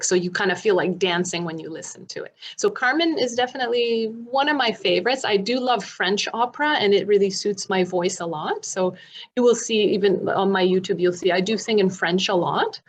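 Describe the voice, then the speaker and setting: In an online video meeting, a singer and vocal coach originally from Poland presents informally and fields questions. She explains in a chatty manner, her medium-pitched voice moving at a moderate pace.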